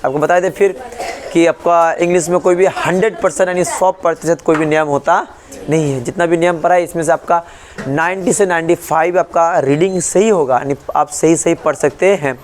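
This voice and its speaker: High-voiced man teaching a class. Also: steady tone, brisk. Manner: repeats and quizzes the class with questions; spells words out letter by letter. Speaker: English teacher. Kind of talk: classroom lesson.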